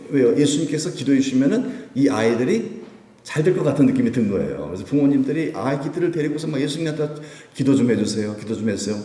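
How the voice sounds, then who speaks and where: A man preaching an animated Friday prayer sermon as pastor, acting out voices in the story as he teaches. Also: a little high. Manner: animated, acts out the disciples' scolding in raised voice. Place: church sanctuary. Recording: echoey church hall.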